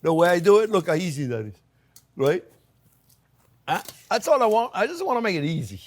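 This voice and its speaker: A man with a slightly high voice presents a casual cooking demonstration. He is exuberant and playful, chatting straight to his viewers and coming back to favourite catchphrases. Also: very animated, fairly quick. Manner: exuberant, playful, repeats catchphrases, addresses audience as friends. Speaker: chef hosting a cooking channel.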